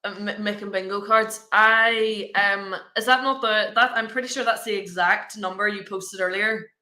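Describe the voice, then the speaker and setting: A woman with a bright, forceful voice calls bingo in an echoey room. She reads out the numbers as a bingo caller, explains them, and adds dry, sarcastic asides in a conversational way. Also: medium pitch, fairly even intonation, moderate pace. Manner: wry, sarcastic banter. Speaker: bingo caller and co-host of a live online game. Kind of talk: bingo calling with explanations and casual banter.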